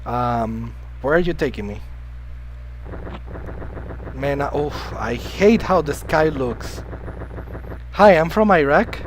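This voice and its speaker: A man's voice: on the high side, expressive, takes it slowly, pauses often, slight background noise, poor audio. A man live-streaming a video game, rambling casually, chatting with his viewers and coughing now and then because he has been sick. Spanish is his first language. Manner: chatty, rambling, greets and answers chat.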